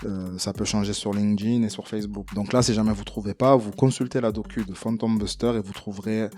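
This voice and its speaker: A man walking viewers through a casual screen-recording tutorial, chatty and relaxed with plenty of fillers and some self-deprecating humor. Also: on the low side, a little fast. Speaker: tutorial creator.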